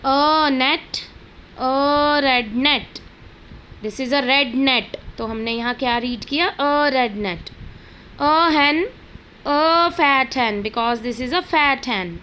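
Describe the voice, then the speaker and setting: A young woman teacher gives an online lesson to small children, reading words aloud slowly and clearly for them to repeat. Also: high-pitched, sharp tone, slight background noise, rough recording. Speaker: primary school teacher.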